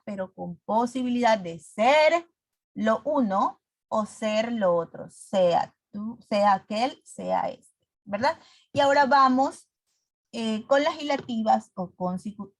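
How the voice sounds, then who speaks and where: A woman giving a recorded grammar lesson, explaining carefully and pausing on frequent "eh" fillers. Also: on the high side, dry recording. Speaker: grammar teacher.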